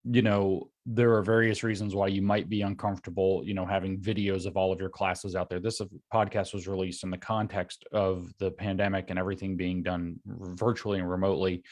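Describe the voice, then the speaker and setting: Low-voiced man explaining at length. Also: flat delivery, brisk, hardly any pauses, a little mellow. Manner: long run-on explanations linked with "and so". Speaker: guest commentator. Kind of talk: explanatory lecture-style talk. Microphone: video call.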